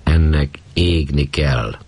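A man's voice: extremely low pitch, darkish tone, breathy edge. A man doing a kindly chimney sweep. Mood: friendly. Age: 30s. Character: kindly 35-year-old chimney sweep, plain and steady.

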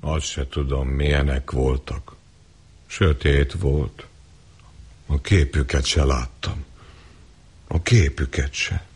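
A stubborn, cheeky farmyard donkey. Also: male voice, low-pitched, lively intonation, husky. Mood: musing. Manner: dry, cheeky back-talk. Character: stubborn sly male donkey tied in a farmyard. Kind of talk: radio play acting.

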